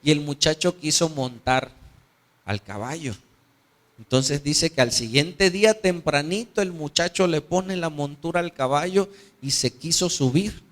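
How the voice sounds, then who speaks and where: A man's voice: a little high, unhurried. A man preaching a sermon, conversational and storytelling, checking in with his listeners. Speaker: pastor.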